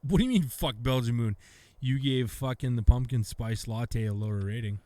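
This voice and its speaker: A man's voice: medium pitch, normal speed, mellow, no echo. A Canadian man co-hosting a beer podcast, talking casually with lots of swearing and restarts. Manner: profane, rambling, restarts often. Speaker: podcast co-host.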